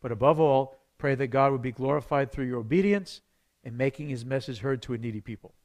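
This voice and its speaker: A man, a pastor teaching an evangelism class to his church in a conversational way, breaking into sudden loud bursts. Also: medium pitch, fairly quick.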